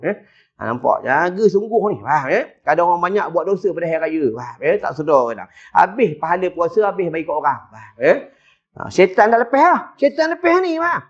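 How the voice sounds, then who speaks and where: A male preacher with a Malaysian Malay accent gives a lively, humorous religious lecture in a mosque hall. He keeps checking in with his listeners as he talks. His voice is high, and the lo-fi recording sounds dull. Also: fast. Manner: chatty, tags lines with questions to the crowd.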